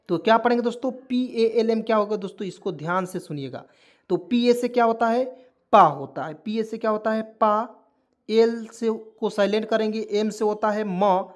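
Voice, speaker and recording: A man's voice: high voice, moderate pace. A man with a Hindi-speaking Indian accent, a teacher giving a pronunciation lesson, repeating words and answering his own questions. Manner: repetitive, drills words aloud, asks and answers own questions. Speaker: English teacher. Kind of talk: classroom lesson explaining pronunciation.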